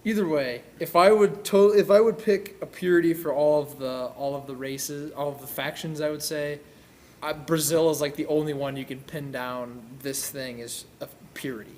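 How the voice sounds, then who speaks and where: A man's voice: a little high, fairly even intonation, normal speed, a little mellow. A young man co-hosting a casual gaming chat, explaining eagerly and often restarting his sentences, recorded by a far camera in a large hall. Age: young adult. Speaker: co-host. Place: large indoor auditorium.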